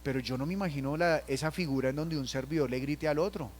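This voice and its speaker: A man from Colombia, preaching a sermon and acting out everyday scenes in quoted voices, dropping to a hush and then rising loud. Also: on the high side, fast talker, a little hiss or hum. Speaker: pastor.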